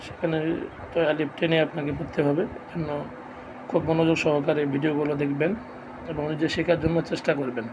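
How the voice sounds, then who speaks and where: A man teaching Quran reading, spelling out Arabic syllables one by one in a slow, methodical classroom drill. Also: fairly high pitch, little pitch movement, dull audio, background noise.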